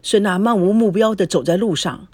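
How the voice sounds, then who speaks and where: A woman narrating an audiobook story with an expressive, dramatic reading. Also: mid-range voice, fairly quick, no room sound. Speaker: story reader.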